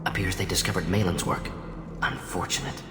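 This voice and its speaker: An actor playing an analytical alien scientist in a video game, speaking in brisk, terse, clipped phrases. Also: male voice, low voice, lively intonation, music in the background. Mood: grim, detached. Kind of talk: sci-fi video game dialogue. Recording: loud game ambience behind.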